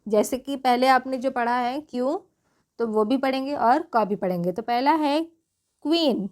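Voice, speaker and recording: A woman's voice: high voice, normal speed, darkish tone. A woman with a Hindi accent teaching English phonics to beginners, spelling out each word letter by letter and asking and answering her own questions.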